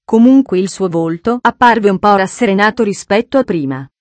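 A woman narrating a children's novel in a calm, measured storytelling voice. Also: medium pitch, dry recording. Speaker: audiobook narrator. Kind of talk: scripted narration.

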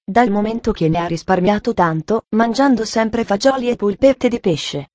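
A woman's voice: medium pitch, normal speed, a little mellow, no room sound, natural voice. A woman reading the part of a cheerful, talkative little girl in an audiobook, with an eager, earnest manner.

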